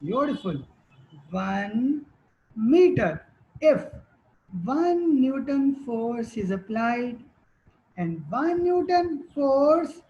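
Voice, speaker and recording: A woman's voice: fairly high pitch, warm tone, dull audio. A woman teacher giving a classroom lecture, quizzing students and repeating their answers.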